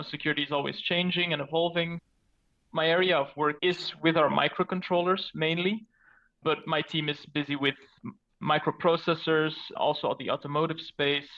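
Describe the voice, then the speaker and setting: A Belgian security architect appears as a guest on a tech podcast for a casual technical interview. His slightly high voice sounds pushed and bright, with the highs cut off, and he explains things earnestly, leaning on "so" and "basically."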